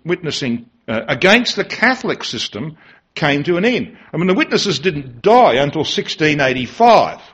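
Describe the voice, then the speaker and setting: A man's voice: on the high side, a bit bright, breathy edge. A man preaching a sermon to a congregation. He speaks emphatically and keeps asking rhetorical tag questions. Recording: dull lo-fi recording.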